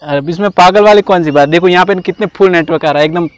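A young man pulling a prank in an outdoor park, cheeky and mock-apologetic as he talks loudly on his phone. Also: high voice, fast talker. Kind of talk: hidden-camera prank banter.

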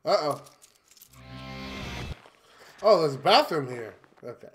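A man's voice: a little high, sing-song, takes it slowly, faint music behind. A man giving casual, reactive let's-play commentary with muttered asides and exclamations.

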